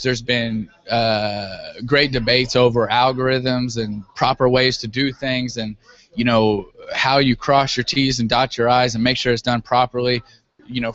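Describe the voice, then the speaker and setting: A man's voice: mid-range voice, a bit bright. Man explaining casually on a dull recording. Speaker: guest, web business owner. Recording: dull, lo-fi audio.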